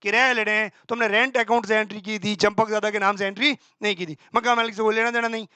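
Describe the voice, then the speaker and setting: A male teacher running a quick exam-prep accounting class, quizzing himself aloud and answering in a student's voice, with homely examples. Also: high-pitched, little pitch movement, pushed and bright, clean tone, no room sound. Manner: brisk and colloquial, with homely examples.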